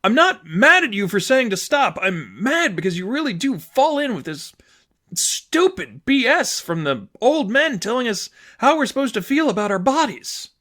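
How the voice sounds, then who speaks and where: Here a man performs a bitter, wounded teenage girl in fan fiction audiobook dialogue, raising his voice far above typical male pitch. She's angry and exasperated, very animated, sharp, and heavily acted, with emphatic sarcasm that turns halting when she's upset.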